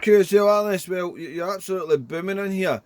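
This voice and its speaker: A man's voice: sits high, fast, darkish tone, no room sound. A man chatting casually as a ham radio operator, rambling and repeating himself. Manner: rambling, repetitive, often ending phrases with "there". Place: small indoor home radio room.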